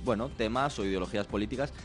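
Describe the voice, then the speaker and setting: A male radio contributor with a fairly low voice. He talks quickly and casually in studio chat. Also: soft background music.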